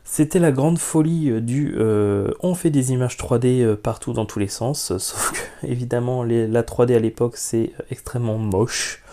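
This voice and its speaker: A man's voice: mid-range voice, moderate pace, few pauses, warm tone, a little hiss or hum. Chatty French man unboxing a model kit. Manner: chatty, many hesitations, frank opinions. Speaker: YouTube model-kit reviewer. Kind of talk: casual unboxing vlog.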